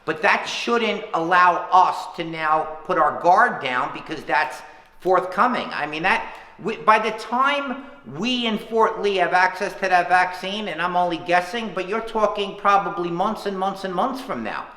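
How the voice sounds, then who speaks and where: A town official answering questions on a conference call, his voice bright and a touch high for a man. He speaks earnestly, leaning on his points and counting them off one by one. The line carries a hollow, roomy echo. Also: expressive, measured pace. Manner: earnest, emphatic, lists points by number. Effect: heard over a conference call line. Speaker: town official leading a public teleconference. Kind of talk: public Q&A answers.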